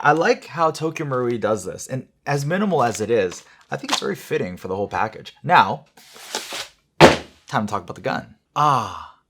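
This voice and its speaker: A man's voice: mid-range voice, a bit bright, slightly rough. A man presenting an airsoft product review in a chatty, jokey way, talking straight to his viewers.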